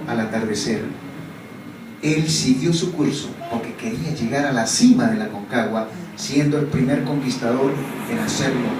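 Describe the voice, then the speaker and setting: A male preacher telling a dramatic story in a sermon, moving from hushed tones to loud ones. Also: mid-range voice. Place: church. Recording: echoey church from a distant mic, faint background noise.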